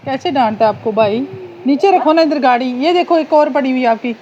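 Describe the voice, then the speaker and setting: Speaking a little fast in a high voice, a Pakistani mother sweet-talks her toddler with repetitive baby talk while filming a casual home vlog. The audio is lo-fi, with a fan running indoors and slight background noise.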